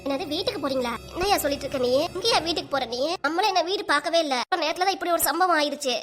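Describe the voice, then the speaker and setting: A nagging older grandmother from a cartoon rattles off complaints at breakneck speed in a high voice with a southern Tamil Kanyakumari accent, voiced by a woman. She scolds and fusses without pause. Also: fairly bright tone, faint music behind. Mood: arguing. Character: scolding, fussy older grandmother and mother-in-law. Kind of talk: cartoon voice acting.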